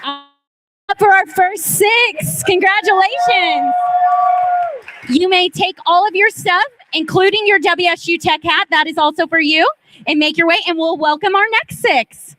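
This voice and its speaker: A woman's voice: extremely high pitch, measured pace, over music, low-quality recording. A woman emceeing a ceremony, upbeat and giving step-by-step instructions to a group. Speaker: event emcee. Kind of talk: ceremony announcing.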